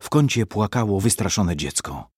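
A man reading a story aloud in a dramatic, expressive narration. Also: lowish voice, moderate pace, breathy edge, no echo, clean studio sound.

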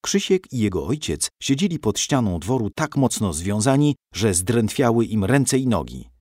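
A man giving an expressive, dramatic scripted narration of a historical story. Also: lowish voice, normal speed, dry recording, clean studio sound.

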